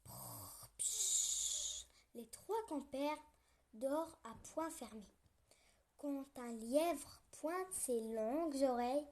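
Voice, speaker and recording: A woman reading a children's story aloud, gentle and playful with snoring sound effects. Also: high-pitched, slow pace.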